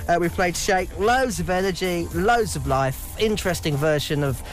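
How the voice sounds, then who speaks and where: A man hosts a radio show with a noticeably high voice. He presents in an upbeat, chatty style from a small studio. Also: normal speed, faint music behind, rough recording. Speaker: radio host.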